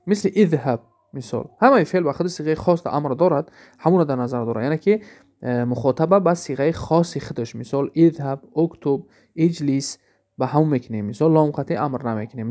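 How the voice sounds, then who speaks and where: A man with a Tajik accent teaching a grammar lesson from a textbook. He reads Arabic lines slowly, then explains them with rhetorical questions. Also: a little high, darkish tone.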